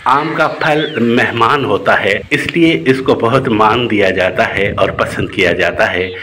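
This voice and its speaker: A man reading a scripted voice-over narration in a measured, unhurried way. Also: lowish voice, sharp tone. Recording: noisy background.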